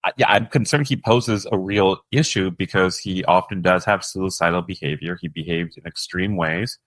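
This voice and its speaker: Male podcast co-host, very deep voice, dry close recording, deadpan humor. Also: moderate pace, no echo. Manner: dry, wry asides. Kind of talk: casual chat.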